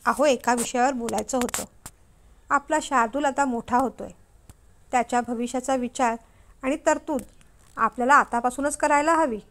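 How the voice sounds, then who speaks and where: A woman's voice: sits high, normal speed, long pauses, fairly bright tone. A woman doing a worried coaxing young wife. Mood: pleading. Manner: pleading, persuasive.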